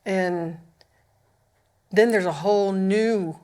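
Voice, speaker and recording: In a panel chat on a podcast, a ministry founder from Oklahoma gives an earnest, candid personal testimony. Her mid-range voice is a little mellow, and she takes her time.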